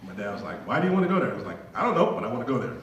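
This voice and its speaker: His medium-pitched voice is sing-song and rapid-fire as this Liberian man in his thirties, a symposium panelist, recounts his story casually and pokes fun at himself. The audio is dull, with crowd noise, hall echo, and a distant mic.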